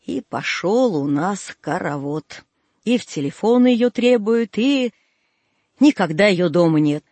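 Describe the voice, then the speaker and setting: A man reading a first-person folk tale aloud, telling it in a folksy, plaintive way with a husky voice. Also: sits high, expressive, takes it slowly, a little mellow, dry recording. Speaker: audiobook reader.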